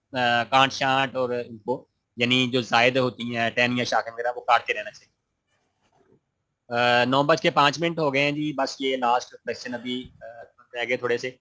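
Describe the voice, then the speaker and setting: A man's voice: medium pitch, fairly even intonation, bright, forceful tone. A man teaching an online gardening class, reading out students' questions and answering them patiently and encouragingly. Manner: friendly, encouraging, many religious phrases.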